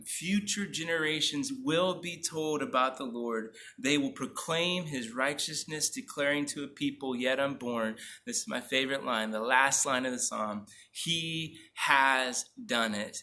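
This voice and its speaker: A man preaching as a pastor, reading scripture aloud slowly and earnestly between his own comments, with a few fillers. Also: medium pitch, sharp tone, a little hiss or hum.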